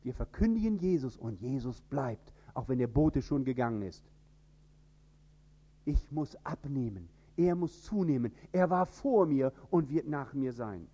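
A man from northern Germany with a standard High German accent, preaching an emphatic sermon. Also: expressive, measured pace, slightly rough, muffled recording. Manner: emphatic, with sudden rises in pitch and loudness.

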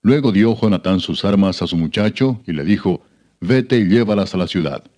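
Deep-voiced man reading scripture solemnly. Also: dark tone. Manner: measured, solemn narration without fillers. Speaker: scripture reader.

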